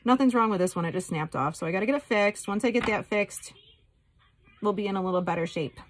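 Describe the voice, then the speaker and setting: A woman's voice: medium pitch, quick pace. Chatty, candid woman vlogger. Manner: rambling, candid, informal. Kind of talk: casual chatty vlog.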